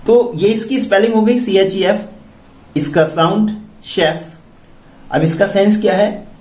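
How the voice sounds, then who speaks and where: A man with an Indian accent teaches English words in an unhurried, deliberate way, spelling each one out letter by letter and putting questions to his listeners. His voice sits a little high and sounds as if it was caught from a distance in a room with plenty of echo. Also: darkish tone. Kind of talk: classroom-style vocabulary lesson. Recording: echoey room, mic at a distance.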